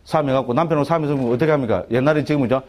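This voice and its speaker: Fast-talking monk lecturing, Gyeongsang accent. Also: male voice, medium pitch, a little mellow. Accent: Gyeongsang Korean. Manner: chatty, asks "right?" constantly, many restarts. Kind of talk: Buddhist text lecture to a class.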